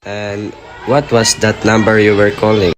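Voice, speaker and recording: An actor in a radio play, playing an unconcerned, placating police desk officer with a laconic, matter-of-fact manner. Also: male voice, fairly low pitch, little pitch movement, a little slow, crowd noise, background noise, close to an everyday voice. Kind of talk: old-time radio play acting.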